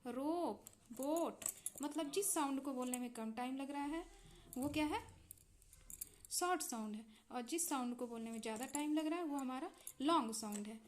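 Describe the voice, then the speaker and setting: A woman's voice: high voice, fairly quick, slight background noise. A woman with an Indian accent teaching English vowel and consonant sounds, patiently repeating examples and checking in with her students. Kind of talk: explaining English phonics in Hindi.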